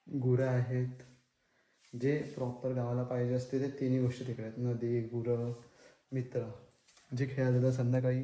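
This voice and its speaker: Chatty young man vlogging, mellow voice. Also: mid-range voice, low-quality recording. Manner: chatty, mixes in English words. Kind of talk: casual vlog chat. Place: village house.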